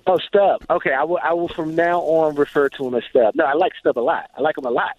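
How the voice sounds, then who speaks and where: A man's voice: on the high side, fairly even intonation, fast, dry recording. A male caller rambling in a chatty way, tripping over restarts. He comes through a tinny, phone-like line with a dry sound. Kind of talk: call-in sports chat. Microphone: telephone.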